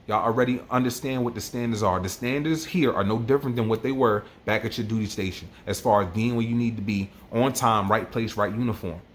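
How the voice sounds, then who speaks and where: A man's voice: lowish voice, slight background noise. A man tells his own story straight to the camera. He talks in an emotional, worked-up way and keeps circling back over his own words. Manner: emotional, worked up, repeats himself. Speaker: army NCO vlogger. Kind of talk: personal storytelling.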